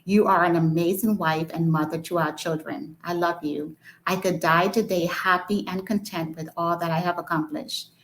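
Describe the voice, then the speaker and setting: A woman's voice: lowish voice, fairly even intonation, normal speed, a bit bright, poor audio. A woman reading a loving pastor husband. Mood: tender. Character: loving pastor husband, man around forty.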